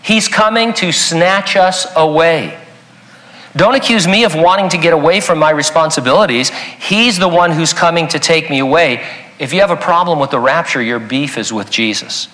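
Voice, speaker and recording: A man preaching a sermon with a bright, forceful voice that sits a little high for a man. He talks to the congregation in an easygoing, emphatic way, tossing in quick asides, and his words ring out with a long reverb from the church sanctuary. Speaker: pastor.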